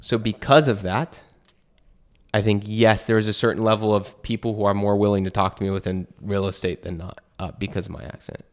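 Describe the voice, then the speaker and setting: A young man from the US, now a podcast host and new real estate agent in Portugal, speaks briskly in a lowish, steady voice. Hosting a casual conversation, he comes across as earnest and thinks aloud, filling gaps with plenty of fillers.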